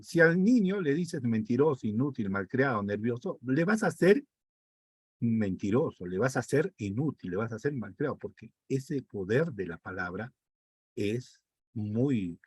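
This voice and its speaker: Male teacher with a sore, husky throat; dry sound, slow unhurried pace. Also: mid-range voice, no room sound. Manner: reads text aloud, then breaks it down with rhetorical checks. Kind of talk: online reading comprehension class.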